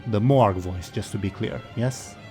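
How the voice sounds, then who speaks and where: A man's voice: on the low side, unhurried, darkish tone, soft background music. A man narrating as game master of a tabletop game, thinking aloud and using fillers.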